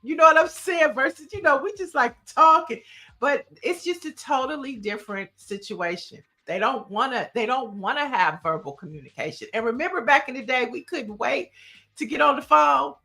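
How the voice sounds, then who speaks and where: A woman co-hosting a casual talk show, chatting in an animated, talkative way and laughing often. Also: high-pitched, moderate pace. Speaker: co-host. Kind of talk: casual chat.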